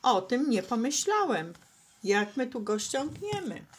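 A woman reading a children's story aloud, voicing a young male turtle who is eager and easily flustered, with an excited, breathless delivery. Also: very high-pitched, measured pace, slightly rough, pitched above the performer's own voice, heavily acted.

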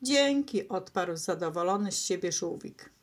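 A woman reading a bedtime story aloud to children in a gentle, expressive, unhurried way. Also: mid-range voice.

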